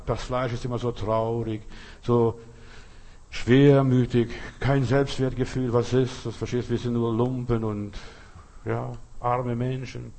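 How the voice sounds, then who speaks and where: A man's voice: mid-range voice, darkish tone. A man in his fifties or older, a native Lithuanian speaker, preaching a sermon emphatically and repetitively, speaking straight to the listener.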